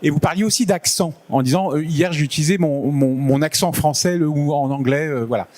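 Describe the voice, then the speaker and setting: A man in the audience asking a question at a conference, halting and restarting often. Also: on the high side, a little mellow. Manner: hesitant, many restarts. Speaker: audience member.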